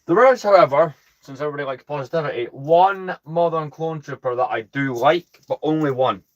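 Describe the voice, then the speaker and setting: Hosting a laid-back livestream, this UK man with a British accent sounds calm and soothing while he chats, rambles, and pokes fun at himself. He speaks briskly in a higher-leaning voice, and the sound is lo-fi.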